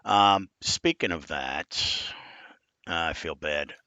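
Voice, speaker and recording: A man in his fifties with a deep, gravelly voice, chatting casually and bluntly as he reviews game courses on a live stream. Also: slow pace, bright, forceful tone, dry recording. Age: 50s.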